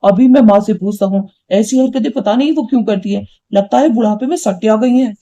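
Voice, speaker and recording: A woman's voice: fairly high pitch, a little fast, dark tone, dull audio. A woman voicing a hot-tempered young husband and son in a cartoon, scolding and indignant. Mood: concerned. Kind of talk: cartoon voice acting.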